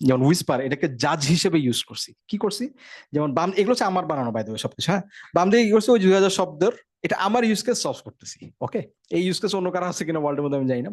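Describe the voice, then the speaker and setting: Fast-talking man giving a tech lecture. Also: a little high, darkish tone. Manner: fast, conversational, frequent check-ins. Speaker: instructor.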